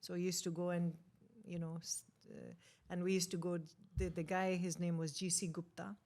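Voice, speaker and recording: Low-pitched Indian-accented woman, emphatic and repetitive. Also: level tone, normal speed, vocal fry, a little mellow. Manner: emphatic, repeats words and short phrases. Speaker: interview guest, author. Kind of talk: reminiscing in a conversational interview.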